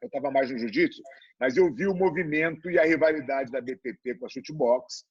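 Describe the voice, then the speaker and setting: Brazilian man, interviewer, husky voice, dry dull recording. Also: medium pitch, fairly quick, dry recording. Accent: Brazilian Portuguese. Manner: relaxed, chatty, full of fillers. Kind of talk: casual interview chat.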